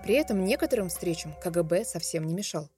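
A woman giving a measured, scripted documentary voice-over. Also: fairly low pitch, expressive, music in the background. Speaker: documentary narrator. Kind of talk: scripted narration.

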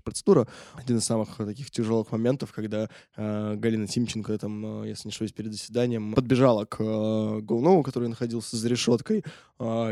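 A man's voice: lowish voice, vocal fry, dark tone, no echo, clean studio sound. A man, a correspondent, recounting events in casual talk, hesitant with many filler sounds and restarts. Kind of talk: casual spoken recollection.

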